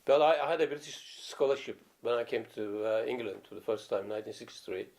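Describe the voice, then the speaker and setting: Gravelly older Turkish-accented man. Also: mid-range voice, fast, a little mellow. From Turkey. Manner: rambling, anecdotal, many fillers and restarts. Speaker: professional viola player. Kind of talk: reminiscing in a documentary interview.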